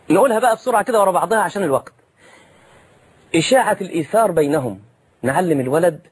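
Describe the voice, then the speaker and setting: A man preaching a sermon in an Egyptian accent, lively and direct, calling his listeners brothers and slipping in jokes. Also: on the high side, husky. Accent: Egyptian Arabic.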